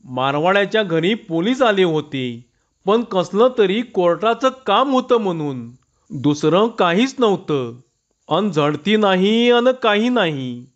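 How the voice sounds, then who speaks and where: A man voicing an inquisitive village schoolmaster who speaks in a measured, questioning way, on a dull lo-fi recording. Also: high-pitched, big pitch swings, heavily acted.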